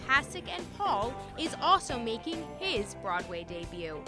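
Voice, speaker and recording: A woman reporter narrating a news feature in a polished, bright delivery. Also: fairly high pitch, very animated, measured pace, music in the background.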